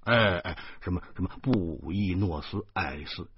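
A man's voice: sits low, normal speed, slightly rough, no echo. A man voicing a boastful man in his thirties who stutters constantly, with a Beijing accent. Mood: boastful stammer. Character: stammering pompous man in his thirties, show-off. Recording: dull lo-fi recording.

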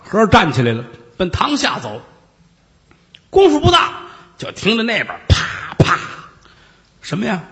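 A man performing traditional Chinese storytelling, lively and exclamatory with quick asides. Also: high-pitched.

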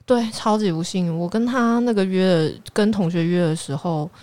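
A young woman with a Taiwanese Mandarin accent who tells a story in a lively, exasperated way on a casual chat show. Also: fairly low pitch, moderate pace. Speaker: podcast co-host.

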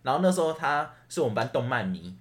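A young man in casual chat, relaxed and prompting his friend with short questions. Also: mid-range voice, fast talker.

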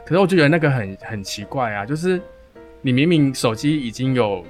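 A man's voice: mid-range voice, expressive, fairly quick, over music. Taiwanese man slightly slurring through braces. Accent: Taiwanese Mandarin. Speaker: podcast co-host. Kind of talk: casual chat.

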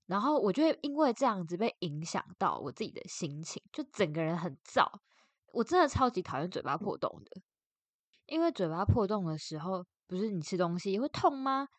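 A young adult woman with a Taiwanese accent hosts a casual solo chat, expressive and self-deprecating, her articulation slightly slurred from wearing braces. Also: fairly low pitch, no echo. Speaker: podcast host.

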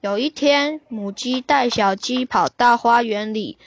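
Slow, gentle woman storyteller. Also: a little high. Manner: gentle, slow, warmly explaining to children. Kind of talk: children's story reading.

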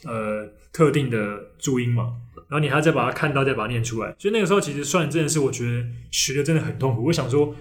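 Casting: male podcast host, Taiwanese Mandarin accent, halting storyteller who restarts often, casual tone. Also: medium pitch. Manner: hesitant storyteller, many restarts and fillers.

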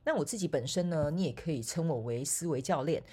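A woman's voice: low voice, lively intonation, quick pace, warm tone, husky. A woman with a Taiwanese Mandarin accent, a spiritual coach, talking in a casual, playful, self-mocking monologue. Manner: playful and self-mocking, with frequent laughs and filler particles. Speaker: spiritual coach and online course instructor.

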